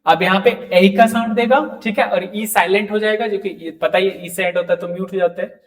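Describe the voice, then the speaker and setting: A man teaching French pronunciation in an online lesson, repeating each word slowly and checking in often. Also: high-pitched, steady tone, reverberant. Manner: repeats words slowly, frequent "ठीक है".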